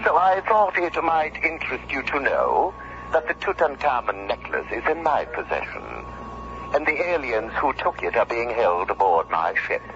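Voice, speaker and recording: Suave, taunting Moriarty, wildly swooping delivery. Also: male voice, mid-range voice, sing-song, lo-fi sound, background noise. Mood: gloating, taunting. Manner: theatrical, drawn-out, mock-courteous. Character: suave, taunting male criminal mastermind professor. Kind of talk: radio drama acting. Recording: band-limited old radio recording over music.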